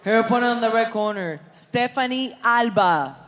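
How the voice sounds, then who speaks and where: A woman's voice: fairly high pitch, expressive, noisy background. Echoing woman ring announcer, bilingual and showy. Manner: formal showy announcing with long drawn-out fighter names. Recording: long hall echo over arena speakers.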